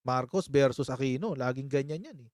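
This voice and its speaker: A man's voice: mid-range voice, a little fast, a little mellow, dry recording, studio quality. Chatty, teasing man hosting a live stream. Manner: chatty, teasing, breaks into laughter often; sarcastic, mock-impersonates critics. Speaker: political commentary host. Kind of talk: casual live-stream commentary.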